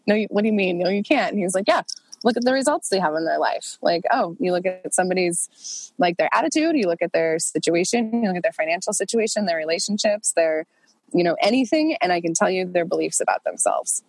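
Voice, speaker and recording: Husky and lowish, this woman's voice is expressive and a little fast, captured in a rough recording with no room sound. Stuffed up with a cold, she runs an online group coaching session in a loose, chatty style, with plenty of fillers and restarts.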